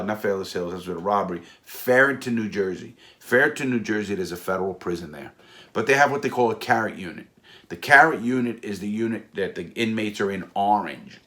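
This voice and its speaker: A middle-aged American man with a deep, low voice tells a story of his own in a casual, spoken way. He is blunt and animated, and he often repeats words and circles back to a point.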